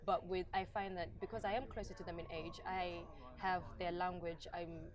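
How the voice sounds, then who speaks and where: A woman's voice: on the low side, little pitch movement. A woman in her twenties from Zimbabwe, a podcast guest talking thoughtfully about teaching and identity. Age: 20s. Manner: quick, thoughtful and conversational, with frequent agreeing murmurs. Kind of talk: podcast interview. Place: busy public venue. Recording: noisy crowd in a public venue. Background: crowd chatter.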